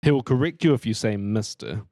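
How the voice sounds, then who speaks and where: A man's voice: fairly low pitch, normal speed, mellow, no echo, studio quality. A man co-hosting a podcast, telling stories in a laid-back, dryly funny way. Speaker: podcast co-host. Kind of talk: casual chat.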